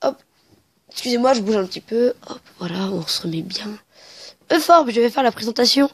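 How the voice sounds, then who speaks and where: A woman's voice: on the high side, animated, fairly quick, breathy edge, no room sound. A woman chatting casually through a let's play, hesitant and stumbling, reading game dialogue aloud while sniffly with a cold. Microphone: headset mic.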